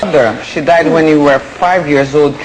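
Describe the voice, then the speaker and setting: A man interviewing, halting and searching for words, with many ums. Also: on the high side, steady tone, background noise. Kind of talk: interview questions.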